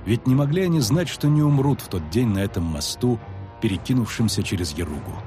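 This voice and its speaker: A man narrating a fantasy audiobook with dramatic, expressive delivery. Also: fairly low pitch, brisk, music in the background.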